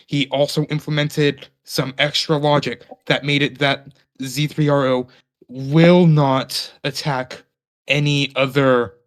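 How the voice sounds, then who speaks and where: A man playing a tabletop role-playing game, explaining his character's reasoning in long, measured sentences. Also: mid-range voice.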